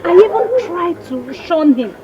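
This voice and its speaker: A woman's voice: very high voice, sing-song, heavy background noise, full character voice. An actress playing a frantic, angry young village woman, stammering as she vents. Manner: agitated, talks fast, stammers. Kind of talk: Nollywood film acting. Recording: dull film audio under music. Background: film score.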